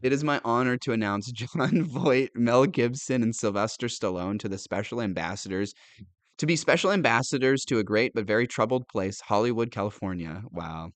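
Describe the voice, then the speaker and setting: A man's voice: mid-range voice, moderate pace, dry recording. A male commentator reading news aloud and reacting with sarcastic disbelief, laughing often and stumbling over words.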